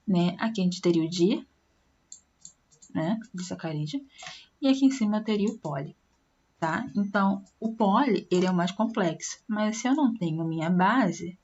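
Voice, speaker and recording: A woman with a Brazilian Portuguese accent, a science teacher, gives a recorded online class, explaining step by step with frequent tag questions. Her lowish voice is a little mellow, and the audio is dull.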